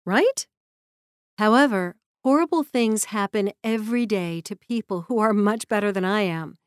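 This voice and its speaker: A woman narrates her memoir in an earnest, reflective tone. Her voice sits at an ordinary middle pitch. The sound is dry and close, with no room echo. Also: darkish tone.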